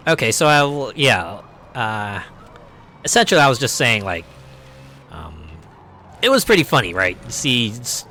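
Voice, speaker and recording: A man streaming a racing game, rambling through animated stories with a lively, wide-swinging pitch. His tone is bright and forceful. A faint hum of vehicles and ambience runs behind him. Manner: rambling, animated storytelling with quick put-on quotes. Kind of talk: casual chat while gaming.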